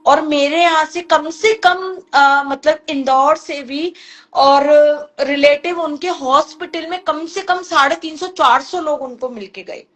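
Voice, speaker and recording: Woman, high voice, earnest storytelling, quotes others in their voices. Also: a little slow, fairly bright tone. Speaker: guest recounting a family story. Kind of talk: emotional personal storytelling.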